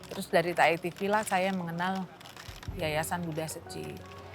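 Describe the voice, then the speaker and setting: A woman's voice: fairly low pitch, fairly even intonation, measured pace, music in the background. Chatty woman in her fifties. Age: 50s. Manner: chatty, with soft laughs. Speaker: volunteer. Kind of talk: casual interview.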